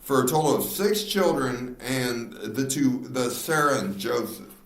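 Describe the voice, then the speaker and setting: A man's voice: mid-range voice, unhurried. A man hosting a casual podcast, reading out a true crime story with frequent laughs and stumbles over words. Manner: laughs often, slips on words and restarts. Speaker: podcast host. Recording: echoey room.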